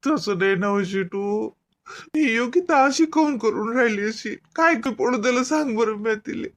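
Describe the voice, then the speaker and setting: A voice actor playing a heartbroken young husband in an animated comedy, whiny and tearful, with a Varhadi Marathi accent. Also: male voice, very high voice, a little slow. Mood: upset.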